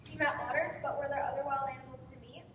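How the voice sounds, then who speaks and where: A woman giving a lively live reading of a story on stage, trading lines with a partner. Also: high-pitched, fast talker. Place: stage in a hall. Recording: echoey hall from far off, noisy.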